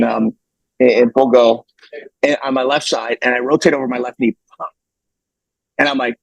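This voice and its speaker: Middle-aged man, husky and gravelly, dry close sound, lively storyteller with stumbling repeats. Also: medium pitch, no echo, low-quality recording. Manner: animated, repeats words, acts out quotes. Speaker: podcast guest, former wrestler. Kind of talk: casual storytelling.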